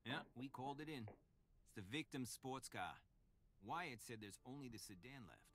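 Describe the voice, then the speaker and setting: A man's voice: mid-range voice, expressive, normal speed, fairly bright tone. A man voicing a chatty, nervous male police officer with a Boston accent in a video game. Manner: rambling, eager to please.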